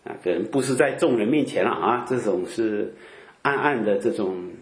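A man preaching in a relaxed, conversational way, filling his talk with drawn-out "ah" sounds and rhetorical questions. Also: lowish voice, echoey room. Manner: chatty, peppers speech with drawn-out "ah" fillers and rhetorical questions. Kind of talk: conversational Bible teaching.

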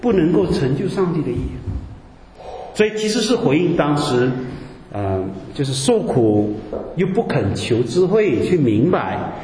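A man's voice: fairly high pitch, sing-song, unhurried, crowd noise. A man preaching a sermon in a conversational way, explaining scripture and asking his listeners rhetorical questions. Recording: echoey hall with long reverb, faint background noise.

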